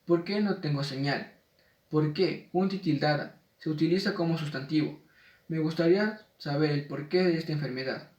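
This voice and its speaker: A man reads out a spelling lesson in a measured way and slows down for the example words. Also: a little high, darkish tone, distant mic. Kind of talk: reading a spelling lesson aloud. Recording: echoey room, voice off-mic.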